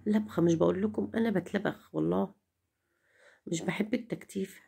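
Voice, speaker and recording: This home vlogger, a middle-aged Egyptian woman, has a medium-pitched, dark, creaky voice with a breathy edge and talks fairly quickly. In Egyptian Arabic-accented speech she chats to her viewers, grumbling and going over the same points again.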